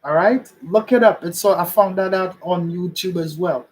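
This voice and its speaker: A man's voice: high voice, moderate pace, rough recording. A Trinidadian man from Trinidad and Tobago, a musician explaining things in a rambling casual livestream, often checking in with listeners.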